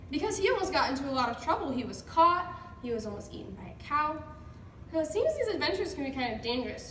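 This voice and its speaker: A woman teacher with a high, fairly bright voice guides children through a picture book, prompting them with questions and encouraging their answers. It's captured in an echoey room on a distant mic, with background noise.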